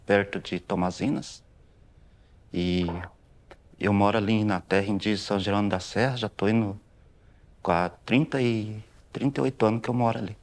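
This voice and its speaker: A man in his forties from southern Brazil giving a calm, plain museum testimony. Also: on the low side, moderate pace. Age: 40s. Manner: plain, calm, with tag questions. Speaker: interviewee.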